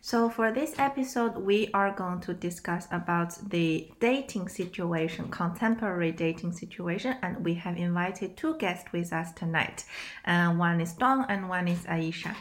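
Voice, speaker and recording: A woman's voice: fairly low pitch, normal speed, reverberant, a little hiss or hum. A woman co-hosting a casual podcast, asking questions with a lot of fillers. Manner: asks questions with frequent fillers. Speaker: podcast co-host. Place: indoor room in Amsterdam.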